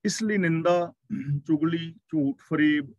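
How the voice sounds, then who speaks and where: A man teaching a scripture class, reciting verses slowly and then explaining their meaning word by word. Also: on the high side, a little mellow, dry recording, highs cut off.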